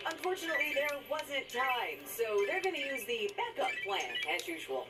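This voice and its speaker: Video game commentator, female: upbeat, wry, very lively pitch, slightly distant over loud music. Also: normal speed. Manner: animated, wry banter. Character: Paige, upbeat, drily teasing female game show co-host.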